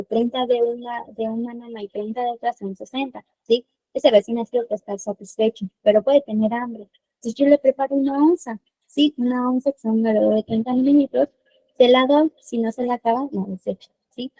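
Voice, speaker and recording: A woman's voice: a little high, mellow, no room sound, rough recording. Woman teaching a webinar, frequent checks. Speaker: newborn care instructor. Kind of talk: webinar lecture.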